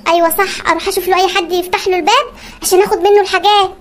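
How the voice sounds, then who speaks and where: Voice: extremely high pitch, little pitch movement, very fast, heavy background noise. A voice actor playing a bossy, scatterbrained cartoon housewife with an Egyptian accent, scolding and exclaiming. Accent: Egyptian Arabic. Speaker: cartoon wife. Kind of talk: comedy cartoon voice acting.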